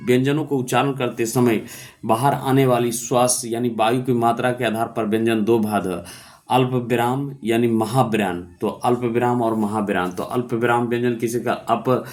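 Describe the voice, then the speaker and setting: A man's voice: mid-range voice, steady tone, moderate pace. A man teaching a grammar lesson, asking questions and answering them himself, repeating key points. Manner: repetitive, quizzing questions then answering them. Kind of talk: classroom lesson explanation.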